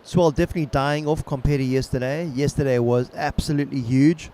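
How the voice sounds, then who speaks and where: A man giving casual, laid-back live commentary as a surf contest announcer, unhurried and chatty. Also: medium pitch, fairly even intonation, mellow. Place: outdoors at a surf beach. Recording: outdoor ambience with clear background noise.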